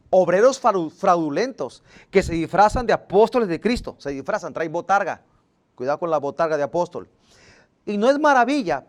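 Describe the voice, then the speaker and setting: A male pastor, preaching a sermon that swings between loud emphasis and low, quiet asides.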